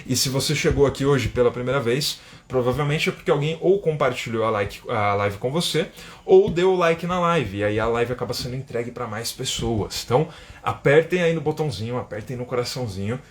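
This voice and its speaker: A man's voice: medium pitch, animated, a little fast. A Brazilian man with a Brazilian Portuguese accent, an English teacher giving a live-stream lesson and reading viewer comments, tagging his sentences with a questioning "né?". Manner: chatty, keeps asking "né?", reads viewer comments aloud. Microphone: phone or webcam for an Instagram live.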